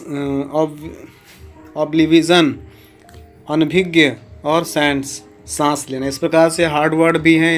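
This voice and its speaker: Slow, flat-toned male teacher. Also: a little high. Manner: slow, even delivery with pauses to read out word meanings. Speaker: English teacher. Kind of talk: recorded lesson explaining a poem.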